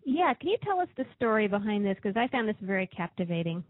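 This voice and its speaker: A woman's voice: mid-range voice, sing-song, no room sound, phone-quality sound. A woman hosting a radio show, interviewing her guest in a friendly, chatty way. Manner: friendly, chatty, fast-talking.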